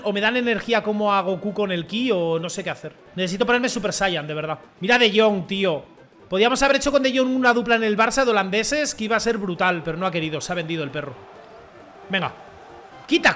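Loud, bright-voiced gamer. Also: male voice, sits high, expressive, fast talker, soft background music. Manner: shouts and yells at the referee, swears, talks to viewers. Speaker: gaming streamer. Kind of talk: excited gameplay commentary.

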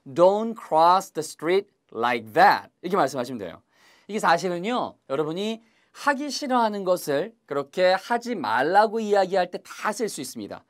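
Animated man teaching English phrases. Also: high voice. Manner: animated, drawn-out English phrases, quick Korean asides. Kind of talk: lively video lesson. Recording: faint music underneath.

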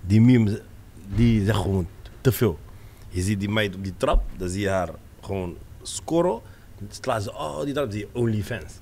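A man's voice: on the low side, moderate pace, warm tone, a little hiss or hum. A man, using slang and peppering his talk with bro and mattie. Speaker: podcast panel guest. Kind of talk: casual chat in Dutch street slang. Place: table in an open indoor café-like room. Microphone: close podcast microphone on a stand.

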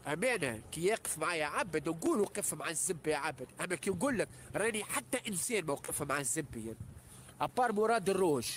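Tunisian man, rapid-fire live-stream rant, crude insults, boastful, keeps repeating himself. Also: high voice, big pitch swings, a little hiss or hum. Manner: insulting, boastful and repetitive, with heavy swearing.

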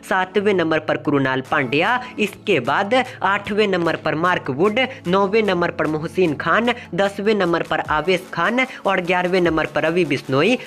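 A man hosting a cricket news channel, reading a scripted sports news roundup in a steady newsreader delivery and addressing viewers as friends. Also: sits high.

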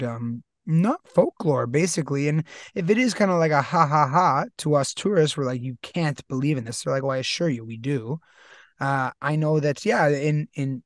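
A man's voice: on the high side, no echo, clean studio sound. A man co-hosting a podcast in casual chat, playful and jokey, from North America. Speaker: podcast co-host.

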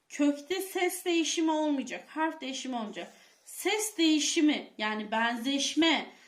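High-voiced woman teaching pupils in an echoey room. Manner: addresses pupils as friends, repeats key points, asks quiz questions. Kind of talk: classroom lesson for children.

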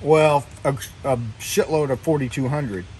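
A man's voice: fairly high pitch, measured pace, noisy background. A middle-aged man in a boatyard, talking plainly through a hands-on boat repair as he works under the hull. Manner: plainspoken, hands-on explaining while working. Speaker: boat owner showing repair work. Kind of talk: casual how-to narration.

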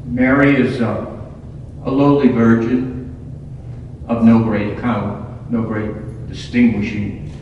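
A priest, a man, reading scripture and preaching at Mass in a solemn, deliberate way, in short phrases. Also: mid-range voice, little pitch movement. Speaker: priest, homilist. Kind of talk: Gospel reading and homily at Mass. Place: large reverberant church. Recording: echoey cathedral-like hall, distant, dull, faint noise.

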